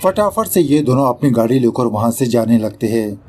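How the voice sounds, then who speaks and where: In this movie-explanation voice-over, the man speaks at normal speed with an animated, a little mellow mid-range voice, faint music in the background. He tells the story casually, borrows English words, and makes fun of the director.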